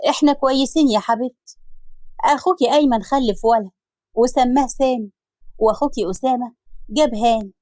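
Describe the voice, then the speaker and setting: A woman's voice: a little high, a little fast, long pauses, a little mellow, no echo, close to an everyday voice. A woman with an Egyptian Arabic accent voicing an older mother who speaks in a soothing, resigned way.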